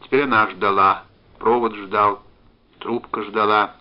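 A man reading a story aloud in a slow, measured way. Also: fairly low pitch, fairly even intonation. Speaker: reader. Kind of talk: scripted narration. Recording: dull lo-fi recording.

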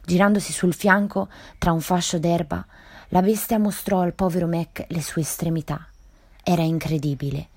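A woman reads a short story aloud in a measured, storytelling manner. Her voice is on the low side. The recording is dry and close, with no room sound. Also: fairly even intonation, a little mellow, dry recording. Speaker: reader.

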